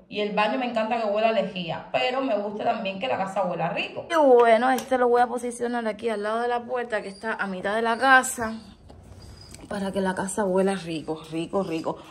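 A woman's voice: on the high side, fairly quick, few pauses. A young woman from Cuba with a Cuban Spanish accent, chatting expressively to her viewers at home and calling them "my love". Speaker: vlogger. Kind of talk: casual chat to camera. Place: at home, indoors. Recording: echoey room.

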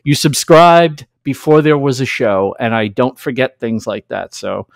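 Speaking into a large studio mic with headphones in a small home studio, a New York-accented man in his thirties hosts a relaxed podcast interview. His mid-range voice is animated and creaky at a measured pace, recorded dry, and he's eager and talkative with frequent laughter.

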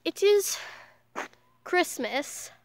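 A young woman from Canada, hoarse with the flu, chatting in a self-mocking way as she vlogs outdoors. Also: very high-pitched, big pitch swings, drawn-out words, no room sound. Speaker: vlogger. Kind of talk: casual vlog while walking outdoors. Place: outdoors in a small town.

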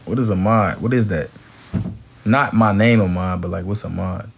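A young American man with a low voice and heavy vocal fry talks casually to a livestream. He sounds tired and laid-back, with loose slang. The sound is slightly muffled, as from a handheld phone indoors. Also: normal speed, a little hiss or hum. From Gary, United States. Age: young adult. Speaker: live streamer, actor. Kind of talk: casual livestream chat answering comments. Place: small room indoors, lying down. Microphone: handheld phone at close range.

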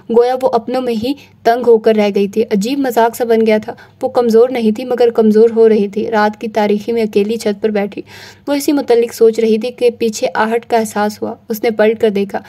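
A woman narrating a romance novel as an audiobook, reading in a steady storytelling manner. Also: a little high.

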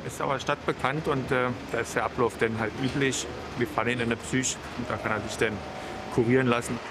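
A man's voice: mid-range voice, steady tone, brisk. A man in his forties, a paramedic trainer, speaking frankly outdoors with a lapel mic. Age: 40s. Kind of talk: interview. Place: outdoors on a city street. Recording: street noise behind.

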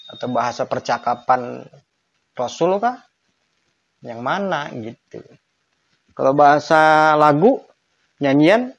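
A man's voice: a little high, no echo, lo-fi sound. A man giving a conversational online lesson on Quran grammar, emphatic and acting out intonation examples.

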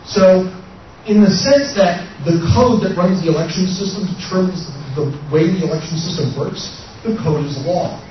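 A man's voice: high-pitched, moderate pace, a little hiss or hum. A drunk man giving an informal, rambling, opinionated talk to an audience as a speaker, with some swearing. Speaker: conference speaker. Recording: echoey hall, far from mic, muffled, audience.

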